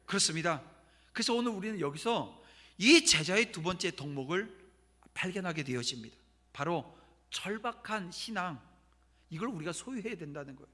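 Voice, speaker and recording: A high, bright male voice with a lively, swooping pitch delivers an emphatic sermon, throwing rhetorical questions at the congregation. The sound carries the long reverb of a church sanctuary. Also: normal speed. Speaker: pastor.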